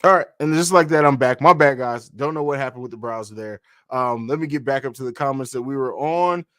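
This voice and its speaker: A man in his own home setup hosts a live stream, reading out viewer questions and answering them in a loose, conversational way. His voice sits at a middle pitch. The sound is dry and close, with no room echo. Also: fairly quick, a bit bright. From grew up in Italy and Germany. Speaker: podcast host. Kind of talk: casual live-stream chat.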